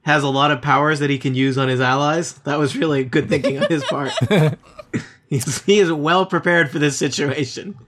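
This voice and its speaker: Wry man with a slightly high voice. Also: normal speed, a bit bright. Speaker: tabletop game player. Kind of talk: casual joking banter.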